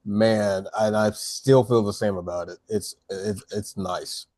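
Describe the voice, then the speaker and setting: A man's voice: on the low side, steady tone, measured pace, darkish tone, no echo. Jokey podcast guy gushing about old cartoons, dry close sound. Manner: enthusiastic, jokey. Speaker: podcast co-host. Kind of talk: casual chat.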